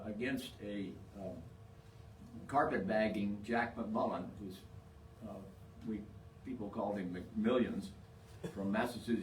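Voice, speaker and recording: Low-voiced, halting man lecturing in an echoey room. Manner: halting, hesitant delivery with long searching pauses. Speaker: lecturer on regional humor. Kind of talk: informal humorous lecture with read-out quotes. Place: indoor lecture room, picked up from afar. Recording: distant echoey room, faint noise.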